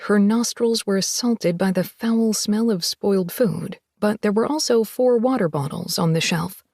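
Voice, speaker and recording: Woman audiobook narrator, mid pitch, steady and measured, dry close sound. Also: no echo. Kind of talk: scripted narration.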